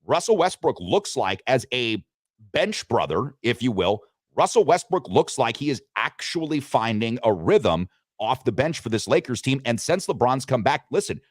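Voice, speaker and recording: A man hosting a sports talk show, talking betting lines with animated delivery and frequent restarts. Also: mid-range voice, moderate pace, dry recording, clean studio sound. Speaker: sports radio host.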